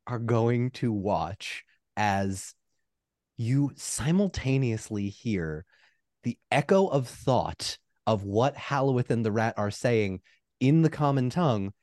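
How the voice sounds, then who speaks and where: A man runs a tabletop game in a casual, chatty way. His intonation is very lively, and the recording is close and dry. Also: mid-range voice, takes it slowly, no echo. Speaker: game master and podcast host.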